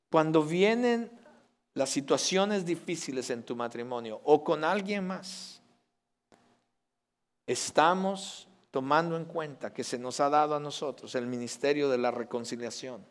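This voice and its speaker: Man, Mexican Spanish accent, pastor, sermon, slightly high voice, loud emphasis and soft asides.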